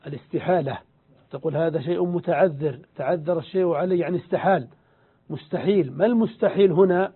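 A man giving a grammar lesson, explaining slowly and deliberately, repeating examples and answering his own questions. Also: fairly high pitch, breathy edge. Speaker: Arabic grammar teacher. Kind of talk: lecture. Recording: tinny phone-like sound.

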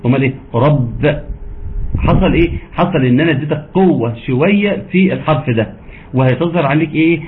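A man with an Egyptian accent teaching Quran recitation rules in an online lesson, explaining patiently and chanting verses slowly. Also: fairly high pitch, expressive. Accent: Egyptian Arabic. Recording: tinny phone-line audio with faint background noise.

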